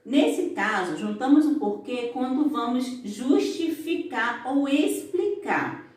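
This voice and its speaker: A woman's voice: high voice, lively intonation, slow pace, darkish tone. A Brazilian woman teaching a recorded grammar lesson to primary school children, explaining patiently with many fillers. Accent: Brazilian Portuguese. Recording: echoey room.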